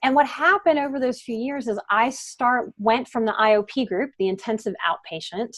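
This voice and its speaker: A woman's voice: on the high side, moderate pace. A middle-aged woman talking on a podcast as a guest psychotherapist. She speaks earnestly and leans hard into the key words. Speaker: guest psychotherapist and life coach. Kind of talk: podcast interview.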